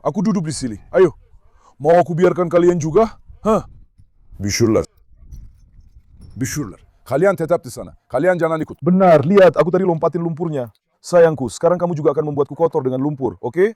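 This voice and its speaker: A man with a somewhat high voice speaks in a casual vlog, coaxing his dogs to come and chatting to viewers in between. The sound is dry and close, with no room echo. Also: dark tone. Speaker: farm owner and dog keeper.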